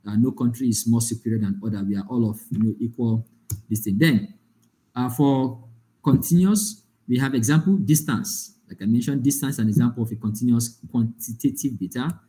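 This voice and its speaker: A man gives a live lecture over an online call. His voice is mellow and relaxed, and it sits at an ordinary pitch for a man. He walks through examples and keeps checking whether the class follows. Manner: explains with examples, often checks the class understands. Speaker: data analytics instructor.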